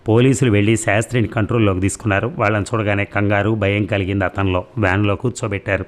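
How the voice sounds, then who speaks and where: A man narrating a novel in an audiobook reading, calm and even. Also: lowish voice, fast.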